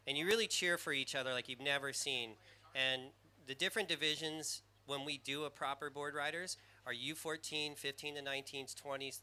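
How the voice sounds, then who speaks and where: A man calling a live surf contest, excitable and rambling, with a squeaky surfer voice, naming riders by jersey color.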